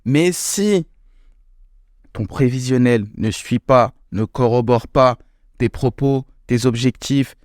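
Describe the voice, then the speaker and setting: A man co-hosting a casual podcast about founding a startup, relaxed and joking, often repeating words as he explains. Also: medium pitch, slow pace, no echo, clean studio sound. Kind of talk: casual chat.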